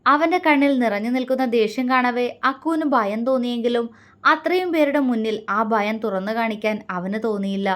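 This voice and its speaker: A woman's voice: fairly high pitch, brisk, fairly bright tone. A woman narrating a serialized romance story and voicing the characters' dialogue herself.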